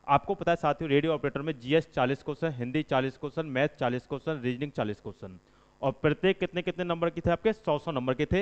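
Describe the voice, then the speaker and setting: This man, whose voice is smooth and fairly high, presents exam coaching to students casually, instructing them and restating key points for emphasis. The sound is lo-fi and dull, trailing long reverb.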